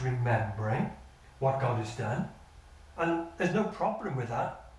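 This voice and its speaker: Earnest older pastor preaching. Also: male voice. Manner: earnest, measured preaching with trailing low endings. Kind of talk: sermon. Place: church hall. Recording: echoey church hall from far off.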